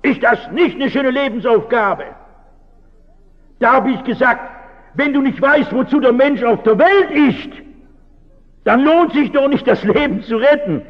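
A man speaks as a pastor in a notably high voice, earnest and searching as he turns question after question back on his listeners. His words ring out with a long reverb, and the recording sounds dull and muffled. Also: expressive, measured pace, pauses often. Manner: earnest, keeps asking rhetorical questions. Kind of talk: reflective talk to an audience.

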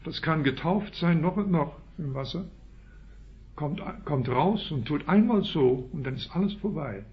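A man with a Swiss German accent preaching a sermon, stressing key words with sudden loud rises and then dropping to quiet asides. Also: fairly high pitch, expressive, unhurried. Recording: dull lo-fi recording.

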